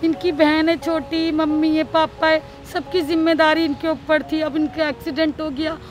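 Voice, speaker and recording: A woman arguing loudly and then pleading tearfully, recorded outdoors on a city street. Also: high voice, flat delivery, moderate pace, faint music behind. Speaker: woman confronted in a staged street prank video. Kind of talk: heated street confrontation, pleading.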